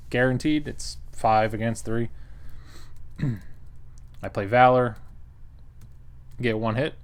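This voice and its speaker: A man giving a casual, wry recap of a board game he played, often laughing and quoting the table. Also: fairly low pitch. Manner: wry, chuckling, acts out table quotes.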